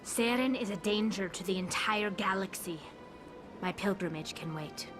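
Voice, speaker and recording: A woman's voice: mid-range voice, moderate pace, over music, close to an everyday voice. A woman voicing an earnest, resolute young alien pilgrim in a video game. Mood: determined.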